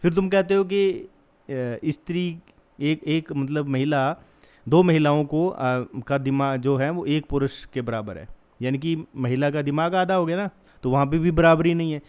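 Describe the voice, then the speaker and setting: A man's voice: a little high, normal speed, a little mellow, clear, resonant tone. A young man giving opinion commentary in an earnest, argumentative way, stopping often with fillers and restarts. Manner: acts out soothing quoted voices. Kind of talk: opinion commentary on a news case.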